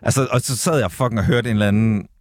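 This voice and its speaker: A man's voice: fairly low pitch, no room sound. A man from West Jutland with a West Jutland accent, a musician guest in casual radio chat, laid-back, swearing freely and full of fillers. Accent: West Jutland Danish. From West Jutland, Denmark. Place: radio studio.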